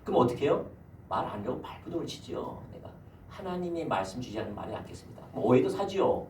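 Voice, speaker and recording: A senior pastor preaches his Sunday sermon fast, his slightly mellow mid-range voice swinging widely in pitch as he asks his congregation rhetorical questions. Recorded from a distance in an echoey sanctuary, the audio carries a little hiss or hum.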